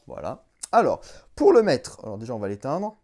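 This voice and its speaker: A young man casually demonstrating a gadget, chatty and hands-on, with the odd swear, sounding out English voice commands slowly and with effort. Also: medium pitch, wildly swooping pitch, a little mellow, slight background noise. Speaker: YouTuber reviewing a collectible. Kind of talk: casual product demo.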